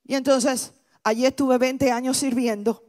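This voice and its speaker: A woman's voice: steady tone, normal speed. Fervent middle-aged woman pastor preaching. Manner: impassioned preaching that builds to high-pitched shouting. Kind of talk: sermon.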